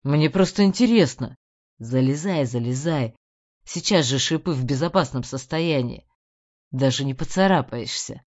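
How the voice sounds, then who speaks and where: A woman's voice: lively intonation, a little mellow. Woman voicing a sneering male crime boss. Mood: menacing, mocking. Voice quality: low, slow and sneering. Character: menacing middle-aged male crime boss, cruel and mocking. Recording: dull lo-fi recording.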